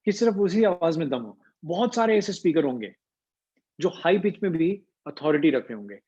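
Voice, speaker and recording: A man leads a voice training class, moving between Hindi and English. His voice sits a little high, and he hums to show how pitch moves. The sound is muffled and lo-fi, like a video call. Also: big pitch swings, dark tone, husky. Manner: mixes Hindi with English, demonstrates pitch with hums and slow pauses. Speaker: voice coach.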